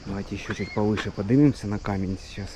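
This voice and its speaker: A man's voice: lowish voice, fast talker. A man in his thirties casually narrating a travel vlog outdoors in a chatty way, pointing things out to viewers on a handheld action camera. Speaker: travel vlogger. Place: outdoors on streets and roadsides. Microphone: handheld action camera at arm's length. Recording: clear outdoor traffic and ambient noise.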